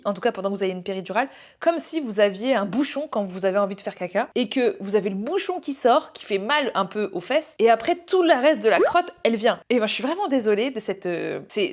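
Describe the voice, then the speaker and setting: A young woman vlogger candidly recounting a personal story, animated, acting out the voices she quotes and laughing often. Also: on the high side.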